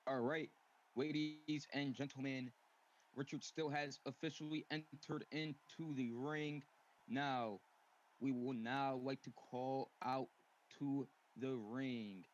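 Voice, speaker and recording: A man announcing like a boxing ring announcer, with ceremonial, drawn-out introductions. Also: mid-range voice, fairly even intonation. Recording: muffled lo-fi mic with faint noise.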